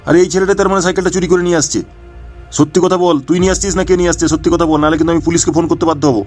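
A man's voice: on the high side, steady tone, rapid-fire, darkish tone. A bossy, accusing cartoon bike owner, voiced by a man, firing off orders at great speed in a slightly raised voice. Faint music plays underneath. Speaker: cartoon voice actor. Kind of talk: cartoon voice dubbing.

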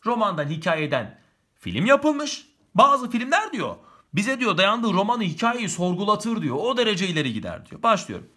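A man's voice: sits high, very animated, moderate pace, bright, forceful tone. A man teaching an exam-prep lesson, talking chattily and addressing the viewer directly as he works through questions.

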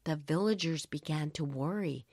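A woman narrating a children's audiobook with slow, expressive bedtime-story reading. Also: sits low, no room sound, clean studio sound.

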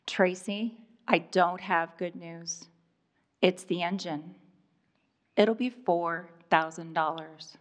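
A woman's voice: lowish voice, fairly even intonation, slow pace. A woman voicing a male mechanic who delivers bad news in a plain, matter-of-fact way, in a spoken story. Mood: regretful.

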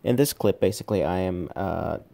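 A man casually explaining car engine work step by step outdoors, halting with many fillers. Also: deep voice, vocal fry, mellow, no room sound, rough recording. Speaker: amateur car mechanic vlogger. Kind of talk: casual how-to commentary.

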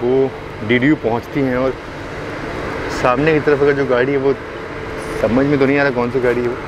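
A man's voice: medium pitch, flat delivery, normal speed. A young man chatting casually as a train travel vlogger, holding the camera at arm's length. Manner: chatty, filler-heavy, upbeat. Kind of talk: casual travel vlog narration. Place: outdoors on railway platforms and inside a train. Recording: loud outdoor and train noise.

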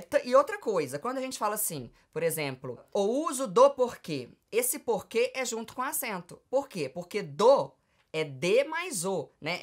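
Lively, playful Brazilian woman teaching grammar. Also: mid-range voice. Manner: playful and theatrical, calls listener "meu filho" and "filho de Deus"; chatty, punctuates with "tá?" and "entendeu?". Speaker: Portuguese teacher and podcast host. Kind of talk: grammar lesson.

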